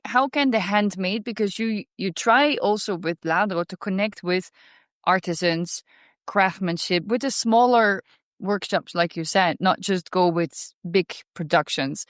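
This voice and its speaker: A woman's voice: medium pitch, a little slow, no echo. Dutch-born woman hosting a podcast, easygoing questions, dry close mic. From Netherlands. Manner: friendly, conversational questions. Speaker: podcast host. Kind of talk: podcast interview.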